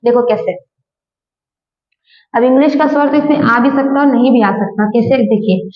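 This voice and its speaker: A woman's voice: a little high, normal speed. A woman teaching an English grammar lesson. She keeps asking questions and answering them herself, and she explains patiently, going over each point again and again. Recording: echoey room, dull lo-fi sound.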